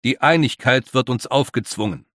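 A man's voice: mid-range voice, normal speed, fairly bright tone, no echo, pitched above the performer's own voice, close to an everyday voice. A grave, worried older leader, as a male reader puts him on, who presses his points in an earnest, emphatic way. The voice is dry and close, like a storybook read aloud.

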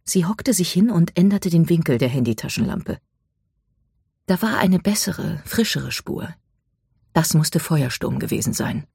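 An audiobook narrator reading a dramatic story, dropping to a hush at tense moments. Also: medium pitch, animated, unhurried, creaky, breathy edge, no echo, studio quality.

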